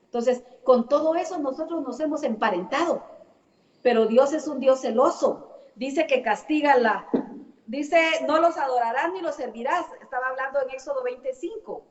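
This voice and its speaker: A woman's voice: high voice, moderate pace. A woman preaching a church sermon, stressing her points by repeating phrases in long lists. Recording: echoey hall, distant mic, dull sound.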